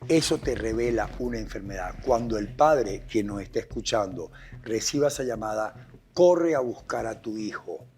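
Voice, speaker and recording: Impassioned Venezuelan man, low voice. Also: animated, moderate pace, a little mellow. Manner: impassioned, repeats phrases for emphasis. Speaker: guest, addiction expert. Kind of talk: emphatic testimony and explanation.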